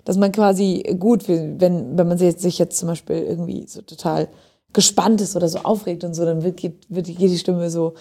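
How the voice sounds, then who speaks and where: A woman guest in a casual podcast chat, lively, laughing often and correcting herself mid-sentence. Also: on the low side, normal speed. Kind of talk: casual conversation. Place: recorded in Stockholm.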